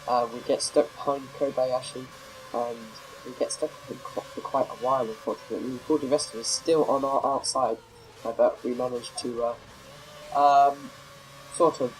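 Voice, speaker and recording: This gameplay commentator has a cold that makes him slightly nasal as he chats about his racing game, meandering, fixing his own words, and filling gaps with ums. The recording is low quality, with a bit of hiss or hum behind his medium-pitched voice.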